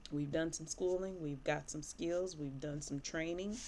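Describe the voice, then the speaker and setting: Sniffly with allergies, a Michigan woman in her thirties who works as a licensed therapist chats openly to camera, wandering through her thoughts with lots of fillers. She speaks unhurriedly in a low, steady, warm voice. There's slight background noise.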